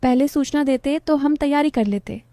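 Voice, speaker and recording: A woman voicing a hospitable older father who warmly insists his son-in-law stay, in a read-aloud story. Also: sits high, normal speed, no echo, studio quality, pitched above the performer's own voice, natural voice. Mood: insistent.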